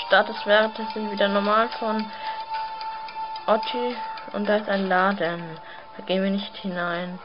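Relaxed woman commenting on gameplay. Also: mid-range voice, unhurried, pauses often. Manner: relaxed, muttering asides. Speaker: let's player. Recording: slightly dull sound, game music behind.

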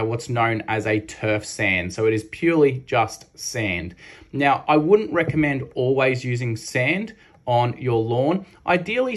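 A man in his thirties with an Australian accent, a lawn care host giving a practical step-by-step voice-over with casual fillers. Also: mid-range voice. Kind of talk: instructional voice-over.

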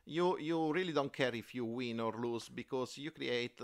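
A man who speaks as a talks through a board game on a podcast. His voice is smooth and resonant, and his speech halts often with fillers and restarts. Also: medium pitch. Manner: halting, many fillers and restarts. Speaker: podcast co-host. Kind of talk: casual board game chat.

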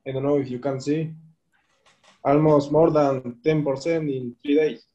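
A young man whose first language is Spanish talks over a video call in halting, restarting English. His voice sits a little high and sounds mellow. The webcam audio is roomy and dull. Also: steady tone. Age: 20s. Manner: halting non-native English with frequent restarts and laughs. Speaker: interview guest, trader. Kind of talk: casual video call interview. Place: bright room indoors.

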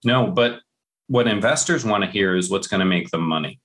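A man's voice: fairly low pitch, fairly quick, a bit bright. A man talking as a podcast guest about business, passionate and emphatic, repeating phrases to drive his points home. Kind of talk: casual podcast conversation.

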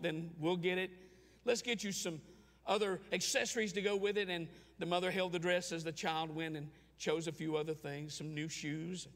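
A male pastor tells a story from the pulpit, slow and deliberate, with many pauses. His voice sits high and has a gravelly edge. A long reverb from the church sanctuary hangs behind every phrase. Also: fairly bright tone. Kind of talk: storytelling sermon.

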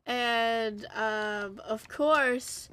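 Slow-talking young woman streamer. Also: fairly high pitch, fairly bright tone. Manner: rambling, self-interrupting, hums and sings nonsense tunes. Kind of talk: casual live-stream chat over gameplay. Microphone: close desk mic.

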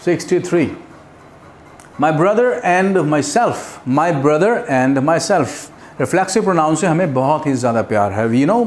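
A man teaching an English grammar lesson in Hindi and English with an Indian accent. He slows right down to spell out each English example. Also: mid-range voice, a little hiss or hum.

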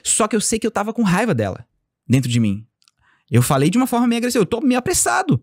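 A man being interviewed as a company founder, telling a casual story with animated delivery and acting out bits of dialogue. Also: high-pitched, quick pace, dry recording, studio quality. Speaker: podcast guest, company founder.

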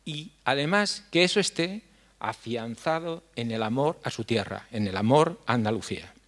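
An older man from La Mancha, head of a foundation, giving a speech on a dark stage at a stand mic, earnest and halting, with many fillers. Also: mid-range voice, expressive. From La Mancha, Spain. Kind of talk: conference speech. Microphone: stand mic at a lectern.

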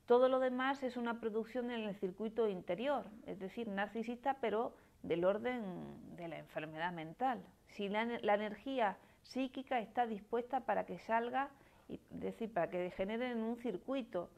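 A woman's voice: on the high side, normal speed, creaky, a little mellow. Andalusian woman psychoanalyst explaining on a live stream. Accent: Spanish from Málaga. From Spain. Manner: explanatory, tags phrases with questioning "¿no?". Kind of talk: live-streamed talk answering viewer comments.

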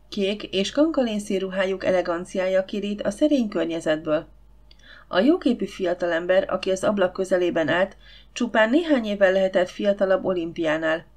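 A woman narrating a novel audiobook in a steady storytelling manner. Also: mid-range voice. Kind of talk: scripted narration.

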